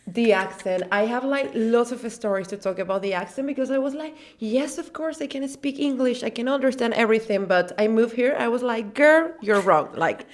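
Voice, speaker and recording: A woman from Venezuela with a Venezuelan accent, co-hosting a podcast and telling stories in a lively, laughing, casual way. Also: fairly high pitch, a little fast, few pauses. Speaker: podcast co-host. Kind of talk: casual chat.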